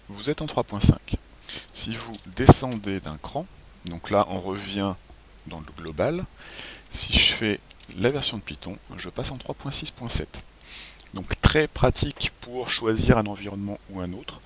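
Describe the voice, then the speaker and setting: Male tutorial presenter, lowish pitch, relaxed and halting, light hiss on the recording. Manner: relaxed, clears throat often, hesitant restarts. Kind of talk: screencast walkthrough. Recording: faint hiss.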